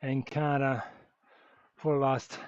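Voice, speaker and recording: A man's voice: mid-range voice, level tone, measured pace, dry recording. A man from Germany, chatting casually on a live stream while riding and answering viewers' questions with many fillers. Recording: dull lo-fi stream audio.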